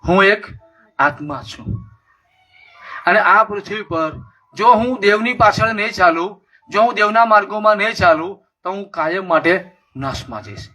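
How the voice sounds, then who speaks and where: A man's voice: high voice, bright, forceful tone. A man preaching a sermon with a passionate, repetitive cadence.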